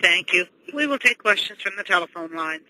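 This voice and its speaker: A woman's voice: on the low side, fairly quick, noisy background. A woman working as a conference call operator, reading formal scripted announcements. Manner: formal, even.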